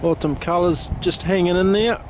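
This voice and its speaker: A middle-aged New man talks through his camera settings in a relaxed, plain-spoken way, his voice sitting a touch high. He is recorded outdoors on an on-camera mic, with wind buffeting clearly behind him. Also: normal speed. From New Zealand. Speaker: photographer vlogger. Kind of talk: casual vlog narration. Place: outdoors by a lake and canals, windy. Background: wind noise.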